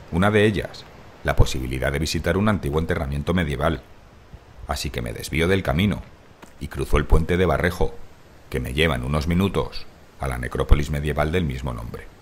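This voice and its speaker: A man giving calm, measured, scripted narration of a mountain hike, as in a nature documentary. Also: rumbling low, slight background noise. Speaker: hiking vlogger narrating. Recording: voice-over with music behind.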